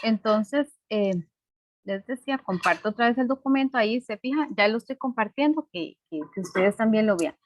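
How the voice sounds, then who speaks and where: A woman teacher giving an online class, explaining slowly with many fillers and tag questions. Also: a little high, no room sound.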